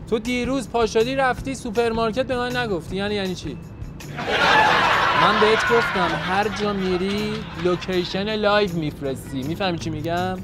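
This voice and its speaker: A man hosting a hidden-camera prank, staging a furious phone call and then pleading with a stranger. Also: sits high. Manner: fake angry phone shouting, then pleading apologies. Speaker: prankster host.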